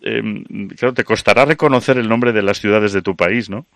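A man's voice: fairly low pitch, normal speed, creaky, a bit bright, no echo, clean studio sound. A man hosting a radio interview, talking in a conversational, reflective way. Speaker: radio host.

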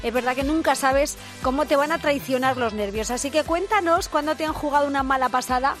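A woman co-hosting a live radio program, animated and chatty, reading out and acting out listener stories. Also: high voice, brisk, faint music behind. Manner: animated, laughs easily, acts out anecdotes.

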